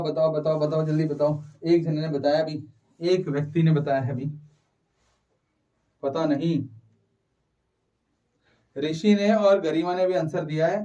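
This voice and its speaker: High-voiced man urging a live class. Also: darkish tone, far from the mic, highs cut off. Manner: urges students to answer quickly, mixing Hindi and English terms. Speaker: economics teacher. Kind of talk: live online class lecture.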